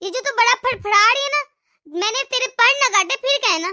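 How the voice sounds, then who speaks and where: A woman's voice: very high-pitched, expressive, normal speed, pushed and bright, heavily acted. A woman voicing a bossy, vengeful old mother-in-law in a cartoon who groans and scolds. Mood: threatening.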